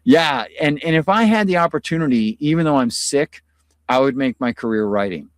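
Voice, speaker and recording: On his live stream, the middle-aged American host chats loosely with plenty of fillers, his illness leaving him sounding tired. His mid-range voice has lively intonation at normal speed, in a dry, studio-quality recording.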